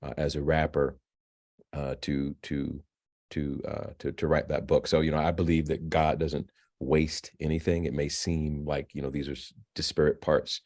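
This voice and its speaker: A man in his fifties, interviewed about his career, talking in a halting way with frequent restarts and repeated words. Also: rumbling low, flat delivery, a little mellow. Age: 50s. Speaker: filmmaker and novelist, alumnus guest. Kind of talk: interview, conversational. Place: virtual interview.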